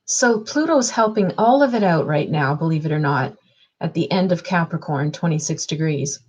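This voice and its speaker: A woman's voice: low voice, animated, normal speed, a little mellow, breathy edge, dull audio. A woman astrologer talking through a chart reading in a casual, thinking-aloud way, with fillers and restarts.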